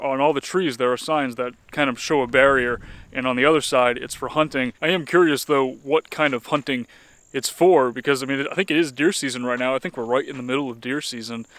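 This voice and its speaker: American man, casual travel vlog, easygoing, unhurried, mid-pitched voice. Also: a bit bright, no echo. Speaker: travel vlogger.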